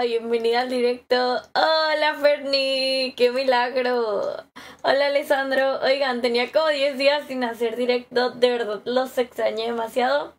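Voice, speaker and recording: High-voiced Mexican woman chatting on stream. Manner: chatty, greets viewers by name, laughs easily. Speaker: live streamer. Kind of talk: casual live-stream chat. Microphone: phone camera held close.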